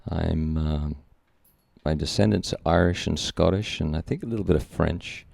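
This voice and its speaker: Gravelly older man from Singapore. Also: very deep voice, moderate pace, a little mellow, no echo, clean studio sound. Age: 60s. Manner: joking, rambling, with many restarts. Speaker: podcast guest, company founder. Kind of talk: casual interview chat.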